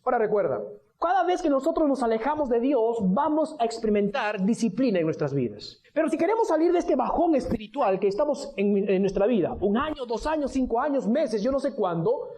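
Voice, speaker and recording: A man preaching a sermon, telling the story in an animated way and acting out scenes. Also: extremely high pitch, a little fast. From Venezuela. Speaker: pastor. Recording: dull radio broadcast recording.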